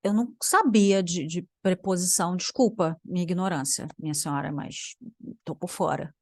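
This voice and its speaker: A woman's voice: on the low side, moderate pace, no echo. A young Brazilian woman, a language teacher, giving sarcastic reaction commentary while thinking aloud and trailing off into mutters. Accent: Brazilian Portuguese.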